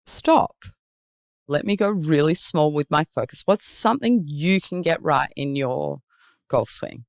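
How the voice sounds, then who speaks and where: A woman working as a performance mindset coach, explaining ideas in an animated way in a podcast interview. She asks guiding questions and acts out anxious inner voices. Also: sits low, normal speed, vocal fry, dry recording, clean studio sound.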